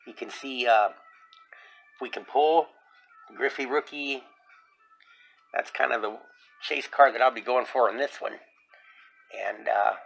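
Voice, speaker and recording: A man's voice: mid-range voice, gravelly, sharp tone. A man hosting a sports card vlog from his desk at home, talking casually with lots of fillers. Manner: chatty, upbeat, many fillers. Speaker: sports card channel host. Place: home desk, then convention hall.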